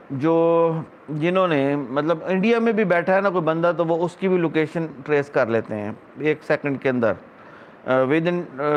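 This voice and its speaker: A middle-aged man from Pakistan talks straight to his audience in a loose vlog monologue. His voice sits high for a man. He rants, sounding indignant and scornful. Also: muffled recording, slight background noise. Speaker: vlogger. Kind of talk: casual monologue.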